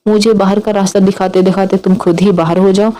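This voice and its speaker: A woman's voice: medium pitch, fairly even intonation, fairly quick, dark tone, close to an everyday voice, poor audio. A woman voicing a jealous young man who hides his resentment behind forced politeness. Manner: forced politeness with veiled threats.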